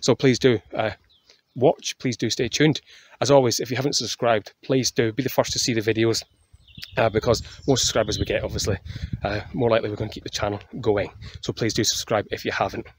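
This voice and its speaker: A falconer who hosts his own channel films a rambling, off-the-cuff vlog on his phone camera while out on a hill walk. He's out of breath, and his lowish voice runs a little fast with fairly even intonation, full of filler "uh"s, over a slight hiss or hum.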